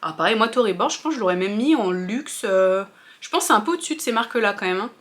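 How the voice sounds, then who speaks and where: A woman's voice: mid-range voice, lively intonation, quick pace. A French woman talking casually to her viewers as a fashion vlogger, chatty and hesitant with many fillers and restarts. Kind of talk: casual opinion chat to viewers.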